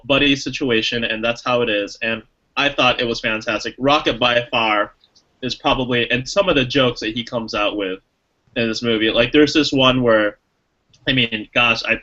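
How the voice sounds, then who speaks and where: Man, bright voice, enthusiastic podcast chat, rambling, muffled lo-fi sound. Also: mid-range voice. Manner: enthusiastic, rambling with many fillers. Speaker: podcast co-host. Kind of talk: casual movie review chat.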